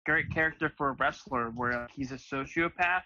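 Bright-voiced joking man, muffled dry sound. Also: medium pitch, a little fast, dry recording. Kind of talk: casual chat.

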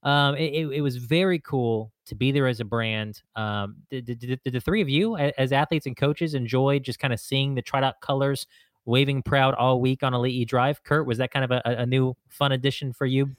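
A man's voice: mid-range voice, fairly quick, no echo. Male podcast host, dry close mic, friendly and orderly with his questions. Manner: friendly, structured questions, laughs along. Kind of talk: hosting a podcast interview.

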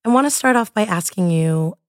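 A woman hosting a podcast in a casual, colloquial way, her voice husky after laryngitis. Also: mid-range voice, a little fast, no echo, clean studio sound. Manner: relaxed, colloquial, lists things in rhythmic runs. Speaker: podcast host.

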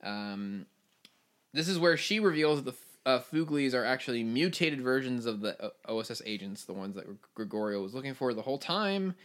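A man's voice: medium pitch, expressive, fairly quick, fairly bright tone. A man hosting a podcast, casually recapping a film plot in a rambling way with many fillers. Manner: rambling, filler-heavy storytelling. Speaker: podcast host.

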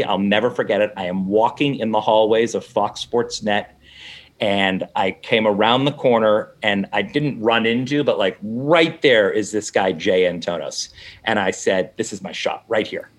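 A man's voice: on the low side, a bit bright. A middle-aged man, an interview guest, telling a story casually and acting out both sides of the conversations.

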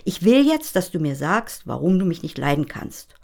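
A woman's voice: on the low side, sing-song, normal speed, creaky, a little mellow, exaggerated voice. A woman reading as a bold, goading woman. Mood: insistent. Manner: read aloud from a script, firm and insistent. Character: bold, provocative adult woman goading a child.

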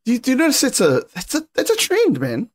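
A New Zealand man with a noticeably high voice and very lively intonation. He chats casually as an interviewer, with jokey banter and plenty of Kiwi slang. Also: quick pace. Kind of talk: casual chat.

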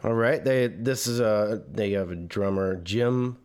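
A man's voice: lowish voice, unhurried, darkish tone, clean tone. A man co-hosting a casual music podcast, laughing often as he talks. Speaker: podcast co-host. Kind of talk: casual chat.

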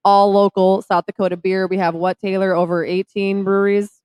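A woman co-hosts a live podcast in a taproom, cheerful and giggly as she rattles off local events and menu items. Her mid-pitched voice sits close and dry on the mic. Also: flat delivery, fairly quick, darkish tone, no echo, low-quality recording. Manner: bubbly, giggly, reads event listings. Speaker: podcast co-host. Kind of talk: upbeat live podcast chat. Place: restaurant taproom, live show.

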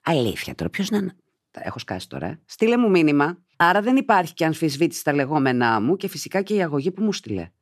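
Animated Greek podcast woman, lively pitch. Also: no echo, clean studio sound. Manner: animated, outspoken, bursts into laughter and exclamations. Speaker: podcast host. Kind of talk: podcast chat reading listener letters aloud.

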